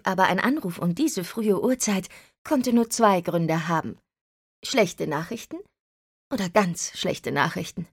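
A woman narrating a first-person story as an audiobook, with lively expressive delivery. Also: mid-range voice, no echo, studio quality.

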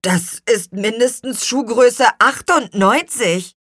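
A woman voicing a lively young boy who exclaims eagerly in a storybook. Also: on the high side, takes it slowly, dry recording, studio quality, pitched above the performer's own voice. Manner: excited exclaiming.

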